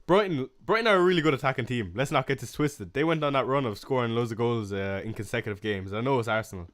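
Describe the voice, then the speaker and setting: A young Irish man with a Waterford accent hosts a laid-back fantasy football livestream, reading and answering viewer comments. His mid-range voice moves at a quick pace, full of fillers and soft laughs.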